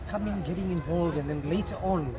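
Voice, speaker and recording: A middle-aged South African man speaking haltingly in a casual interview, often repeating words. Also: high voice. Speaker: runner being interviewed. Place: outdoors at a running event. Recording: outdoor crowd and street noise.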